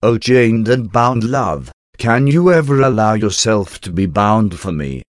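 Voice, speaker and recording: A man slowly reading a devotional prayer aloud in a reverent, measured way. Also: on the low side, expressive, no echo, studio quality. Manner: slow, reverent, measured recitation.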